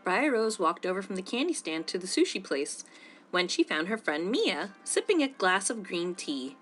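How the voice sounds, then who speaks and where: A woman narrating a children's story in a playful, animated way. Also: medium pitch, moderate pace, soft background music. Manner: animated, playful character voices.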